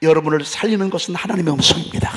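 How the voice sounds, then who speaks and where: A man preaching a sermon as pastor, passionate, moving from hushed talk to loud outbursts. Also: fairly high pitch, rapid-fire. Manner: impassioned, swings from hushed to shouting.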